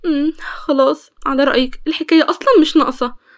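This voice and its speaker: A woman voicing a sharp-tongued, careless young female student with cheeky back-talk, in an Egyptian Arabic accent. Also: sits high, steady tone, quick pace. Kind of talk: storytelling.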